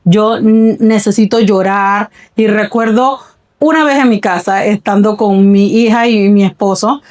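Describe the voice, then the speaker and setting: A woman's voice: mid-range voice, a little slow, darkish tone. A woman pastor giving an earnest, reflective personal testimony in a faith podcast conversation, often repeating her words.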